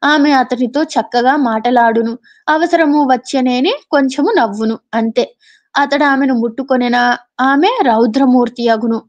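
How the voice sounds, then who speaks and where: A woman reading an old literary novel aloud as a storyteller, stopping now and then to explain in plain talk. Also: high voice. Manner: reads old literary prose, adds casual explanations. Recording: dull lo-fi audio.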